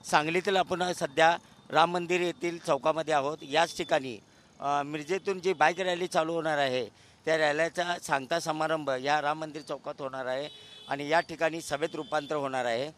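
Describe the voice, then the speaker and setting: A man reporting live from an outdoor town square, steady with brief hesitations. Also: on the high side, moderate pace. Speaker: field reporter. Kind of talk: live news report from the scene.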